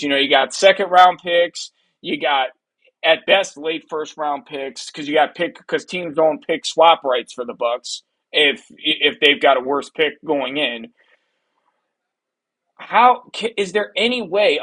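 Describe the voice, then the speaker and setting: A man in his thirties from Wisconsin co-hosting a casual sports podcast, talking energetically in quick bursts and laughing often. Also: a little high, fairly bright tone. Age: 30s. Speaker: podcast co-host.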